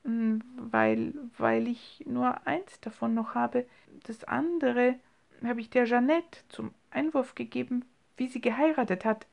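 A woman voicing a shy, easily flustered young woman. She answers softly and hesitantly, as a timid ward in a storybook would. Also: on the high side, unhurried, vocal fry, lo-fi sound.

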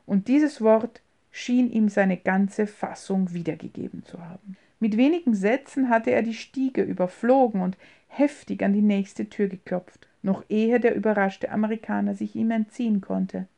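A woman's voice: mid-range voice, normal speed, creaky, dark tone. Woman narrating an audiobook. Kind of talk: scripted narration.

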